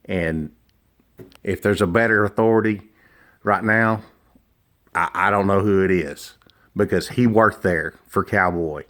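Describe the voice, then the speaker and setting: A middle-aged man explaining and demonstrating handmade products informally, in a deliberate, emphatic and opinionated manner. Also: sits low, a bit bright. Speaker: duck call maker.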